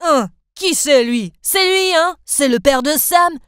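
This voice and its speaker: A woman voicing an angry, jealous young groom who speaks loudly and accusingly in an animated story. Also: high voice, slow pace, dry recording, clean studio sound. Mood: furious. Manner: loud, accusing.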